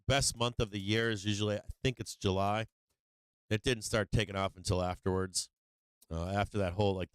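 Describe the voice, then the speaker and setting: A man giving casual live trading commentary as a show host, blunt and profane, often halting and repeating himself. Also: fairly low pitch, clean tone, no echo.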